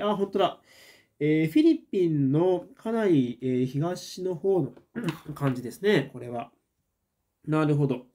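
A man chats through a relaxed livestream, reading viewer comments and musing aloud with plenty of fillers and pauses. His voice sits a little high for a man, with a mellow, soft tone. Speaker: host.

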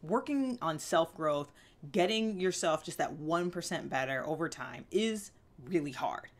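Speaking a little slowly, this vlog host has a voice that sits low yet stays animated. She's a woman in her thirties delivering an earnest, emphatic self-help talk straight to camera from a small room with a fabric backdrop, keeping it conversational and asking frequent check-in questions.

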